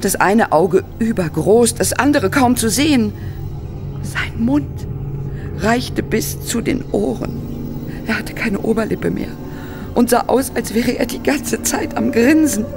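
A woman voices an embittered Hollywood actress, frightened and horrified, recounting her story haltingly and dramatically in the manner of a German horror radio play. Her voice is medium in pitch.

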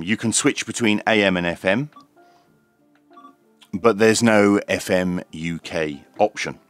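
With a fairly bright voice on the low side, a male radio reviewer demonstrates a product hands-on and unscripted. He goes through it step by step, methodically and matter-of-factly.

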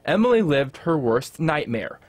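A male reporter reading a scripted news feature in a measured storytelling delivery. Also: fairly high pitch, sing-song.

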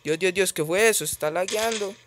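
A man's voice: high-pitched, brisk, noisy background. A man giving casual gameplay commentary as he plays a mobile game, chatty and thinking aloud, easily startled.

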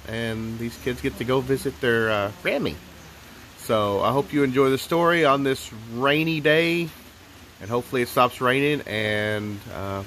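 A man in his forties reads a storybook aloud to young children and chats with them, using simple, child-directed phrasing like a teacher. His medium-pitched voice has a fairly bright tone, and the recording carries clear background hum and noise.

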